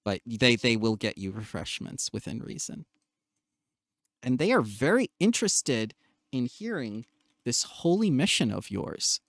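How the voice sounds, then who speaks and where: A man narrating as game master in a tabletop game, animated and full of hesitant fillers. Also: medium pitch, unhurried, no room sound, studio quality.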